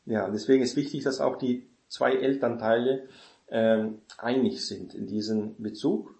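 A man speaks in an informal advice talk, addressing his listeners directly. He keeps tacking a questioning "ne?" onto his points and asks whether they follow. The voice is mid-pitched and rings in a roomy echo. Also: steady tone, measured pace, gravelly, darkish tone. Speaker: speaker giving parenting advice.

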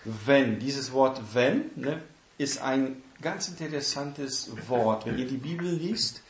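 A man's voice: medium pitch, roomy sound. A man teaching a Bible study lesson, explaining step by step and repeating his key words.

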